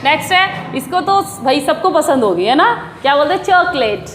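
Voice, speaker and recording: A woman's voice: high-pitched, expressive, normal speed, fairly bright tone, soft background music. A woman teaching English pronunciation in Hindi. She drills each word by repeating it several times and asks questions back to her viewers. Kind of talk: classroom-style pronunciation lesson. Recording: echoey room with faint ambience.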